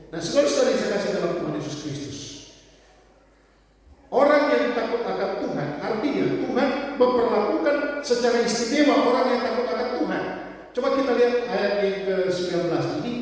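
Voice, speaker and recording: A man's voice: extremely high pitch, animated, fairly quick. A man preaching a sermon as a pastor, with emphatic delivery and acted-out voices of people in his stories. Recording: echoey hall, far from the mic.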